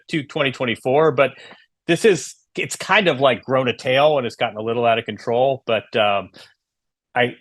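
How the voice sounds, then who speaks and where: A man co-hosting a casual chat show, talking in a measured, analytical way with a wry edge. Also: medium pitch, fairly bright tone, no room sound. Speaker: podcast co-host.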